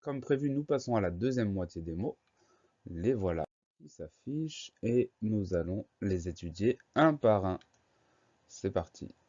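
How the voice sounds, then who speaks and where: A man's voice: fairly low pitch, animated, measured pace, dark tone. Patient male teacher spelling words aloud. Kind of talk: spelling dictation lesson. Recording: dull lo-fi recording.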